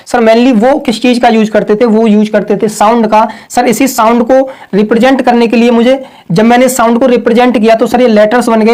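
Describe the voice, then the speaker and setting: A man with an extremely high, slightly mellow voice runs an internet grammar lesson, going over every point again and drilling identical lines. He over-pronounces the words under correction and repeatedly calls listeners "sir" and "brother."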